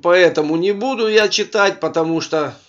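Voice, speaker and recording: A man with a speech impediment on his R sounds, reading texts aloud informally as a video blogger, with halting commentary. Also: sits high, fairly bright tone. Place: voice-over recorded over a screen capture. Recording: dull, lo-fi microphone sound.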